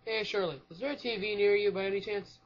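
A woman voicing a sarcastic, scheming young male rebel in a comedy fan dub, backpedalling fast when caught. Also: medium pitch, slight background noise, natural voice. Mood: sneaky. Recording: dull lo-fi sound.

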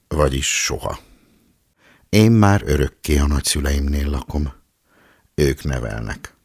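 A man giving a calm, measured literary reading of a story. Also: a bass voice, husky. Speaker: audiobook reader.

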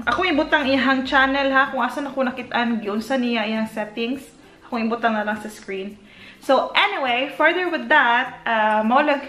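A woman's voice: on the high side, a bit bright. Chatty Filipino woman, roomy echo. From Philippines. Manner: chatty, code-switching, many fillers and restarts. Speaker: vlogger. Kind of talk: casual teaching vlog. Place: home in the Netherlands.

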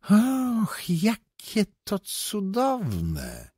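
A man voicing a mysterious, low-voiced foreign gentleman who speaks with slow, insinuating courtesy in an audiobook. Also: wildly swooping pitch, breathy edge, no room sound, studio quality, heavily acted. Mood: courteous, wondering.

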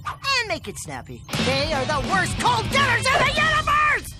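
A cheerful teenage boy chats easily. His high voice bounces through its range. Cartoon music runs behind him. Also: huge pitch swings, normal speed, full character voice. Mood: breezy. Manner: breezy, upbeat.

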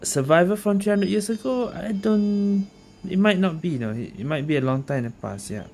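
A woman narrates a video game playthrough with casual commentary, her lowish voice animated and at normal speed. Game music and sound effects fill the noisy background behind her.

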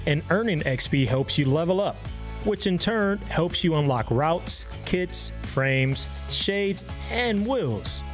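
Brief: male explainer voice, upbeat and bouncy, lively rising and falling pitch over clear music. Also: takes it slowly. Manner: bouncy, enthusiastic. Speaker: segment narrator.

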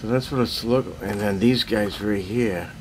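A man's voice: lowish voice, normal speed, slight background noise. An older man giving a rambling, self-deprecating show-and-tell of his miniatures, filmed on a handheld camera in a cluttered basement hobby room. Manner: rambling, self-deprecating, frequent throat clearing. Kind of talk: casual show-and-tell update.

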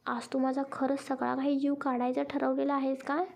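Patient boyfriend type coaxing softly, as a woman narrator reads him, mellow rough voice. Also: high-pitched, little pitch movement, moderate pace. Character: patient caring young man, gently scolding.

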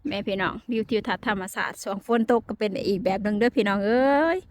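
A woman's voice: mid-range voice, fairly even intonation, quick pace. A woman with an Isan Lao accent vlogging a castle visit outdoors, chatting to her viewers in a friendly way. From Laos or northeast Thailand. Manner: chatty, addresses viewers as brothers and sisters. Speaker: travel vlogger. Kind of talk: casual travel vlog narration. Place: outdoors on a castle wall in the rain.

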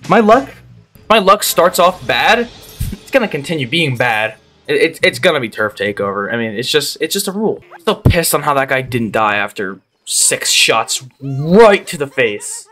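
A young man giving gameplay commentary as a channel host, ranting in exasperation and bursting into loud disbelief. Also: medium pitch, very animated, normal speed, faint music behind.

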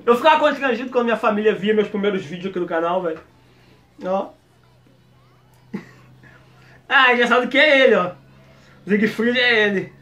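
A man with a Brazilian Portuguese accent giving casual, excitable reaction commentary as an anime YouTuber. He laughs often and talks in slang. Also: high voice.

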